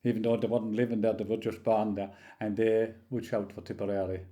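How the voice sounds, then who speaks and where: A man in his sixties with a rural County Limerick Irish accent, telling anecdotes in a halting, rambling, casual way. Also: on the low side, flat delivery, mellow. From County Limerick, Ireland. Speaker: interview guest, local storyteller. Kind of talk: oral history reminiscence, casual storytelling.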